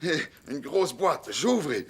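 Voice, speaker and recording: An actor with a Quebec French accent playing Crocus, a playful, excitable young clown telling a story on a children's TV show, with many hesitations. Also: male voice, fairly high pitch, slow pace, breathy edge, heavily acted. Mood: storytelling. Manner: animated, many hesitations, shifting into other voices. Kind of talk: children's TV monologue.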